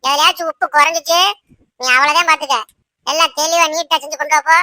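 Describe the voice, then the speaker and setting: A woman voicing a sharp-tongued, domineering old mother-in-law in a cartoon, scolding and bossing her daughter-in-law. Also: high voice, steady tone, fast talker, no room sound. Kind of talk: cartoon voice acting.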